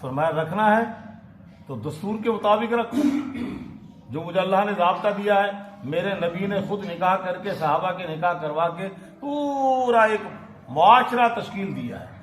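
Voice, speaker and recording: A man's voice: high-pitched, expressive, unhurried. A man with a Pakistani Urdu accent giving a Quran lesson in a mosque, reciting Arabic verses and explaining them with questions to the congregation. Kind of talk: mosque sermon, Quran commentary. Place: mosque hall. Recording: echoey mosque hall, faint noise.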